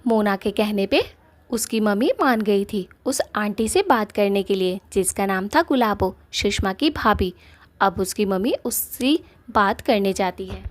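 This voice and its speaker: A woman narrating a cartoon story in a plain, steady storytelling way. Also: mid-range voice, a little slow.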